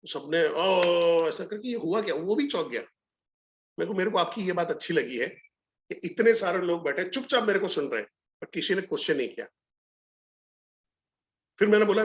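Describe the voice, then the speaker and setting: Middle-aged male trainer, higher pitched, animated storyteller, muffled lo-fi webinar audio. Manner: animated storytelling, acts out both sides of dialogues. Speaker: sales trainer. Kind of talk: live online training session.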